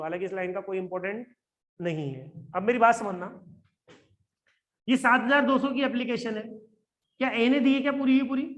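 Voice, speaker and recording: A man teaching an accountancy class, who keeps checking with his students and repeats English phrases slowly as he reads out a question. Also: extremely high pitch, a bit bright. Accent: Indian English. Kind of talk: classroom lecture.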